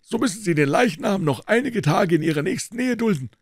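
A man voicing an old male doctor who speaks in a calm, persuasive, clinical way. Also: sits high, brisk, slightly rough, no echo, studio quality, voice pushed up, exaggerated voice.

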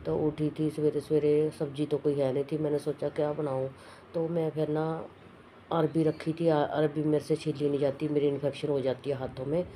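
A middle-aged woman with a hoarse throat from a cough, chatting casually and rambling through her day at home in a vlog. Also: deep voice, flat delivery, moderate pace, dark tone, a little hiss or hum. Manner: rambling, matter-of-fact. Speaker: vlogger.

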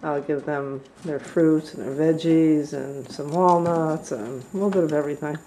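Brief: a woman rehabber with a low, warm voice, giving a gentle, chatty tour through a handheld camera. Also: steady tone, normal speed, a little hiss or hum, rough recording. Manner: gentle, chatty, coos at animals. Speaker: squirrel rehabilitator. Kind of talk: casual video tour. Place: indoor rehab room with cages.

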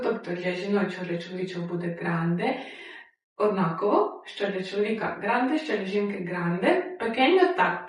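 A woman teaching a language lesson, repeating each example slowly and clearly. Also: medium pitch, far from the mic. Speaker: Spanish teacher. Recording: very echoey room, voice off-mic.

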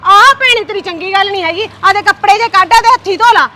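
A woman's voice: very high-pitched, fast talker, pushed and bright, slight background noise. A woman with a Punjabi accent acting a stubborn sister-in-law who argues and taunts in a comedy short film. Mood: arguing. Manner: argumentative, taunting. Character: stubborn elder sister-in-law, bickering, defiant.

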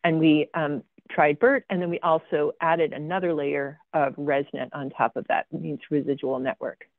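A woman's voice: sits low, fairly even intonation, moderate pace, no room sound. Lady presenting her research slides, hesitant with lots of ums, tinny call audio. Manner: hesitant, many ums, dry sarcastic asides. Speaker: guest speaker presenting research. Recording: tinny phone-like video call audio, dry.

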